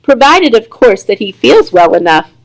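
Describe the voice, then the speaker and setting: A woman reading aloud voices a gentle father who weighs his words carefully. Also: fairly high pitch, very animated, creaky, rough recording. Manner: gentle, measured.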